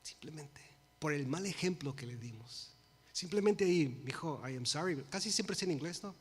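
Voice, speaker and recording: A man in his forties preaches in a fairly high voice, rising to loud emphasis and falling to hushed pleas. He drops English phrases into his Spanish. His voice rings with the long reverb of a church hall. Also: lively intonation, moderate pace, breathy edge. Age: 40s. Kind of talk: sermon. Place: church sanctuary.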